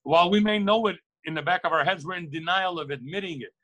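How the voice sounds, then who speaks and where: On a rough recording, a high-pitched, somewhat bright voice moves at a quick pace. This middle-aged Lebanese man, a record shop owner guesting on an interview, is earnest and reflective, voicing opinions and restating his words again and again for emphasis.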